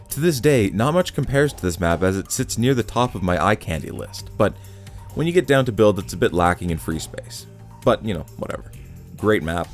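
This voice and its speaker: A man with a somewhat low voice hosts a gaming countdown. He reads from a script, but his delivery stays casual and wry, with offhand swearing and little asides between entries. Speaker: gaming video host. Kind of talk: scripted top ten commentary.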